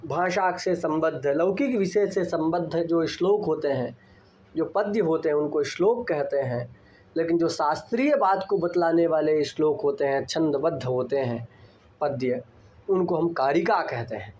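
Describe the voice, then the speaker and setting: A man lecturing on Sanskrit grammar, explaining terms deliberately and repeating key points for his students. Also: fairly high pitch, darkish tone, slight background noise.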